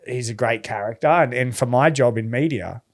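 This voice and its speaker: A man with an Australian accent, a journalist guest telling a story in casual podcast chat, animated and swearing often. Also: medium pitch, brisk.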